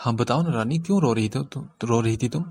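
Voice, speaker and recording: A man's voice: mid-range voice, a little mellow, close to an everyday voice. A man reading an audiobook voices a young male street thug who wheedles and then whispers in fright. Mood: wheedling, nervous. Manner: wheedling, nervous whispers to his friend.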